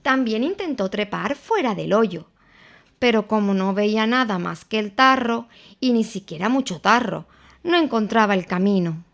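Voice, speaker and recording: A woman reading a children's story aloud in a slow, expressive, playful way. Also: medium pitch, gravelly.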